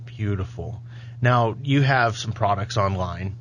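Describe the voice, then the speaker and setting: A man's voice: fairly low pitch, measured pace, fairly bright tone, a little hiss or hum. Jokey man hosting a podcast. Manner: jokey, self-mocking, rambling. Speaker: podcast host. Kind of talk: casual podcast chat. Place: studio.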